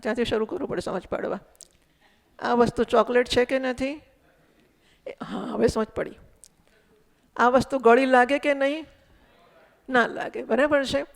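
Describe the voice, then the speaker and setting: A woman's voice: fairly high pitch, fairly even intonation, a little slow, vocal fry, pauses often. A woman giving a spiritual discourse, explaining patiently and putting questions to her listeners. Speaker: spiritual teacher. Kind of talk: Vedanta discourse. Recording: echoey hall recording.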